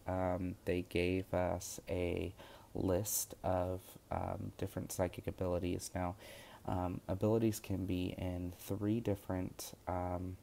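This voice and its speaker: A young man with a low, gravelly, dark-toned voice vlogs casually about the lessons in his witchcraft course. He rambles, filling his talk with fillers and restarts.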